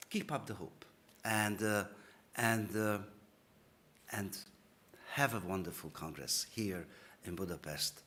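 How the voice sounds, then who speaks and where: A man giving a halting, informal welcome speech with many fillers. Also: sits low, a bit bright, a little hiss or hum. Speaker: guest speaker.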